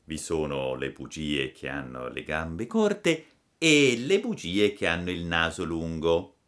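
A man doing a calm, kindly fairy. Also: low voice, slow, heavily acted. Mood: gentle. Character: kind, gently stern fairy woman.

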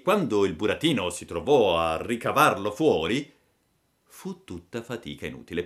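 Guy reading a storybook aloud, slow, swings his voice all over. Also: mid-range voice. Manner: expressive, dramatic storytelling. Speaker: narrator.

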